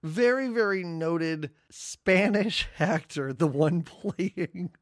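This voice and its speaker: A man's voice: high voice, slow pace, no room sound, studio quality. A man co-hosting a podcast, chatting casually about a movie with a wry, laughing manner and often acting out its lines. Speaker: podcast co-host. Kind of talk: casual movie review chat.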